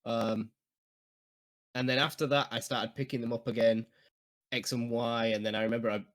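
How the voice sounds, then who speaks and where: A man, chatting casually and nostalgically on a podcast, laughing often and filling pauses with ums. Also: mid-range voice, little pitch movement. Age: 20s. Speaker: podcast co-host. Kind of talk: casual chat.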